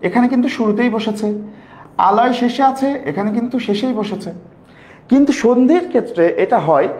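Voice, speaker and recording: A man's voice: very high-pitched, a little mellow. A male teacher with a Bangladeshi Bengali accent giving a grammar lesson, asking his students questions, answering them himself and repeating the key terms to drill them in. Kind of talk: classroom lecture on grammar. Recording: roomy echo.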